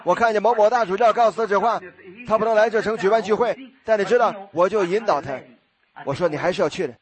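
A male preacher telling a story in a sermon, animated, acting out voices and bursting into shouts. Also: high voice, quick pace.

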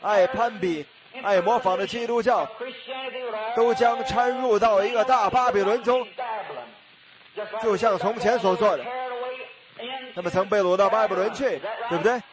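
A man's voice: high voice, normal speed, pauses often, crowd noise. A man preaching a sermon with fervent exclamations and rhetorical questions.

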